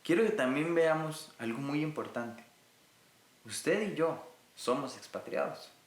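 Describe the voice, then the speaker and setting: Speaking directly to those listening, a Costa Rican man gives an earnest Bible lesson on a recording. He talks in an unhurried, expressive way at a fairly high pitch, with reverberation around his voice.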